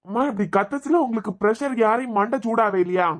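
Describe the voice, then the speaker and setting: A woman's voice: a little high, quick pace, close to an everyday voice. A woman with a Kanyakumari Tamil accent voicing a cheeky young man who teases and jokes in a cartoon series. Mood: teasing. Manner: teasing, wisecracking. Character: joking young man, cheeky debt-ridden student. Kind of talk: cartoon web series dialogue.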